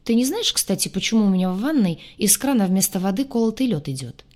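A woman's voice: medium pitch, sing-song, quick pace, darkish tone. A woman reading an audiobook, voicing a sarcastic, cheeky young male alien mechanic with a mocking, joking manner. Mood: chatty.

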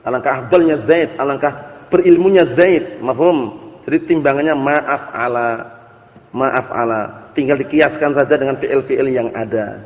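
A man, a religious teacher, giving a classroom lecture on Arabic grammar. He recites the Arabic slowly, explains it, and keeps checking that students follow. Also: mid-range voice. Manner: keeps checking understanding with quick questions. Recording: echoey hall, dull lo-fi audio.

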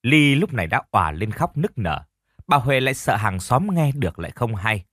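A man narrating a scripted story in a lively, dramatic way. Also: mid-range voice, normal speed, husky, dry recording, clean studio sound.

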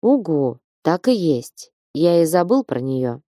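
A gruff, bearded dwarf father with a low, bass-leaning voice and curt, blunt phrasing, as a woman reads him in a storybook. The sound is dry and close, with a mellow, dark tone. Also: very animated, slow, no echo, heavily acted. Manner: curt, matter-of-fact. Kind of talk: audiobook character voice.

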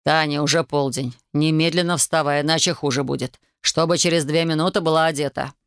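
Curt gruff father, voiced by a woman; low, slow, dry. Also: fairly even intonation, dry recording. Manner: curt, sighing. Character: gruff terse father in his forties.

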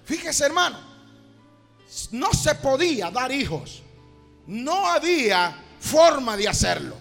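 A fervent male preacher who speaks slowly and in a gravelly voice. He stretches his phrases and swings his pitch widely. His words ring through a hall with a long echo and soft music behind. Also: very animated. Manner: fervent, drawn-out, addresses "hermano". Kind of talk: evangelical sermon. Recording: reverberant hall, faint music.

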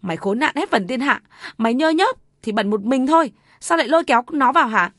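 A woman voicing a furious older village aunt who scolds in shrill outbursts. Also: animated, fast, a bit bright, no room sound, clean studio sound, full character voice.

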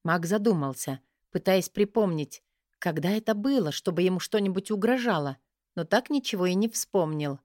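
Female audiobook narrator, lowish voice, dry close sound, wry lively telling. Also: normal speed, dry recording. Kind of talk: first-person fantasy narration.

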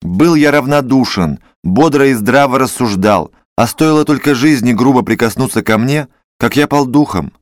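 A man voicing a tired, resigned middle-aged male doctor who speaks quietly in a classic story reading. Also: mid-range voice, animated, normal speed, few pauses, no echo, studio quality, natural voice.

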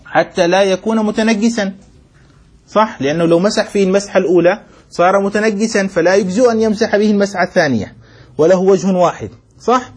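A man's voice: high voice, quick pace, husky. A man sheikh teaching a jurisprudence lesson. He reads a passage, explains it, and keeps asking short questions to check that students follow, mixing formal phrasing with colloquial asides. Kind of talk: classroom text commentary lesson.

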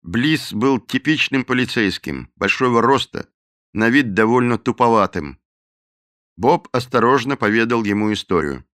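Guy reading an audiobook, lively and bright, dry sound. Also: medium pitch, normal speed, no echo. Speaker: audiobook narrator. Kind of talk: audiobook narration.

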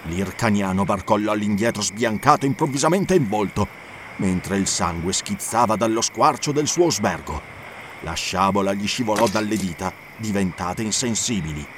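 A man reading an audiobook in steady, measured scripted narration. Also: on the low side, slight background noise.

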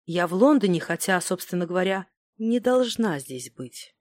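A woman's voice: lowish voice, sing-song, normal speed, a little mellow, dry recording. An elegant, mysterious noblewoman speaks shyly, in a confiding tone, as a woman reading the story voices her. The sound is dry and close. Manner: shy, confiding.

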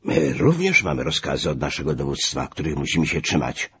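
A man's voice: on the low side, very animated, normal speed, darkish tone, slightly rough, dry recording, voice pushed up. A man voicing a dry, haughty German army major who speaks curtly, in a muffled recording. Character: cold, arrogant male German army major.

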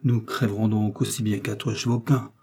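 A man voicing a calm, somber older musketeer in a storybook reading. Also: fairly low pitch, normal speed, creaky.

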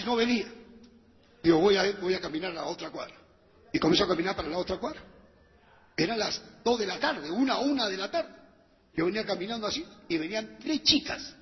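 A man with a hoarse, high-pitched voice preaches, acting out his story with animated drama. His voice rings with a long reverb, as if in a large hall. The recording sounds dull and muffled. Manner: animated, dramatic, addresses listeners as brother. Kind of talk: sermon with storytelling.

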